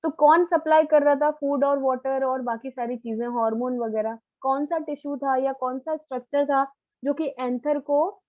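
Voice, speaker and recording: A woman's voice: high-pitched, steady tone, moderate pace, dry recording, narrow, tinny audio. A woman biology teacher giving a live online lecture, coaxing answers out of her students in a familiar, quizzing way.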